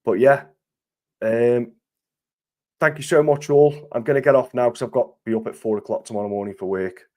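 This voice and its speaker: A man's voice: medium pitch, fairly quick, warm tone. A man hosting a casual live-stream chat, his voice groggy from illness, chatty and matey with frequent laughs.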